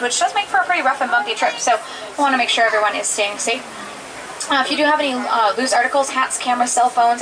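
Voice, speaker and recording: A high-voiced woman gives a quick, upbeat safari tour commentary. She speaks to her passengers in a friendly, direct way, with clear vehicle and outdoor noise around her. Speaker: safari guide and driver. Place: open-sided safari truck outdoors, moving. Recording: noisy open vehicle, engine and outdoor rumble.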